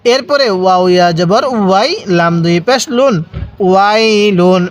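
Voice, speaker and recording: The voice here is a man's, high-sitting and expressive, at normal speed, as he teaches Quran reading in Bangladesh. His step-by-step recitation lesson has him spelling letters and vowel marks, lengthening long syllables, and prompting the listener to repeat.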